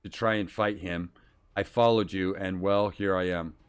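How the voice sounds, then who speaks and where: Man reading a low-voiced, stubborn novice swordsman. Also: fairly even intonation, normal speed, clear, resonant tone, close to an everyday voice. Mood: earnest, bitter. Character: trembling, untrained, stubborn would-be swordsman. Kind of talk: reading video game dialogue aloud.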